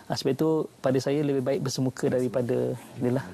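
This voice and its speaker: A man's voice: medium pitch, little pitch movement, quick pace, creaky, mellow. A man with a Malaysian Malay accent, a religious teacher explaining his points casually on a talk show with playful examples.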